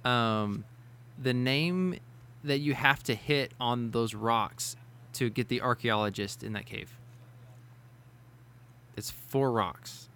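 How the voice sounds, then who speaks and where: A man's voice: mid-range voice, slow pace, long pauses, bright, forceful tone. A man running a casual quiz among friends, rambling with restarts and frequent laughs. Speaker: quiz host. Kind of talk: casual gaming chat.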